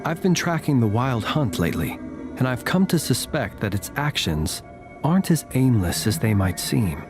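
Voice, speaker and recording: A man voicing a courteous, enigmatic gentleman watchman in a video game, formal and wry. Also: mid-range voice, very animated, moderate pace, close to an everyday voice. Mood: probing. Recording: music under the voice.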